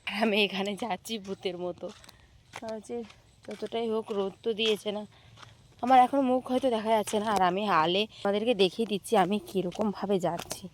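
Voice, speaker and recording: A young woman with a hoarse, worn-out voice chats casually to her vlog camera, keeping her words soft and quiet. She walks outdoors through open fields with the camera held a little away from her, her voice sitting at an ordinary middle pitch. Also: fast, slight background noise. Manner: speaks softly while walking. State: hoarse, lost voice. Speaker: vlogger. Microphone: handheld camera kept at a distance.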